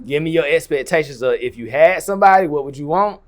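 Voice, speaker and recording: A man's voice: fairly high pitch, lively intonation, fast talker. A man hosting a casual group podcast, slangy and profane, steering everyone's talk. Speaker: podcast host.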